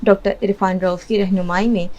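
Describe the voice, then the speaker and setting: A woman anchor reading an Urdu news bulletin in a formal, steady newsreader manner with an Indian Urdu accent. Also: medium pitch, a little fast, dull audio. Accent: Urdu as spoken in India.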